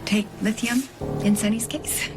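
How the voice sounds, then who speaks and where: A woman's voice: fairly high pitch, steady tone, measured pace, close to an everyday voice. An actress playing a manipulative woman plotting in secret in a television drama, speaking in a dry, cool way. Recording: noisy TV soap audio.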